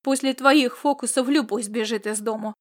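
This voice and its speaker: A woman's voice: fairly high pitch, moderate pace, close to an everyday voice. A woman voicing a brusque, teasing middle-aged husband. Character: gruff, jovial husband, teasing and down-to-earth. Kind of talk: audiobook character reading.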